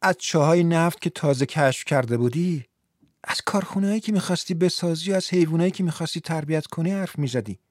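A man voicing a scolding, exasperated young woman in an audiobook, with a sharp manner. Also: fairly high pitch, dry recording, clean studio sound, lightly acted. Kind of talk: audiobook character voice.

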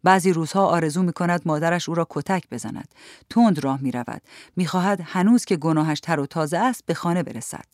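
A narrator reads a literary story for an audiobook in a measured, even way. The voice sits at a middle pitch. It is recorded close and dry. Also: no room sound.

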